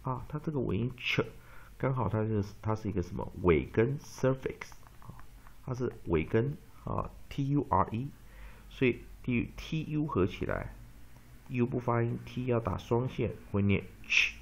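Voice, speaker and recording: A man teaching an English pronunciation lesson. He repeats words slowly for drilling and mixes English terms into his Chinese. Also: mid-range voice, lively intonation, vocal fry, darkish tone. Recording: dull lo-fi recording.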